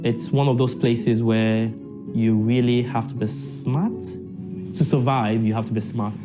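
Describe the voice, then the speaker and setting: A man's voice: mid-range voice, steady tone, measured pace, music in the background. Emphatic man. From Nigeria. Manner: emphatic, repeats phrases, asks himself questions. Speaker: university lecturer and assembly delegate. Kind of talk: casual interview.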